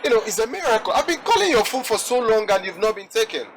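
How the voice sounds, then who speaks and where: A man's voice: sits high, sing-song, quick pace, crowd noise. Lovesick young man. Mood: pleading. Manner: pleading, emotional. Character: heartbroken young man pleading for his lover. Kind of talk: Nollywood drama acting. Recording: background music.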